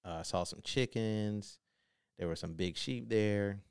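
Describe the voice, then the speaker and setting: A man's voice: on the low side, vocal fry, clear, resonant tone, dry recording, studio quality. A man in his thirties, a father chatting casually with his wife, telling a trip story in a laid-back way that draws out his words. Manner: laid-back, laughing, slow emphatic storytelling. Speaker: co-host, husband and father. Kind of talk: casual chat.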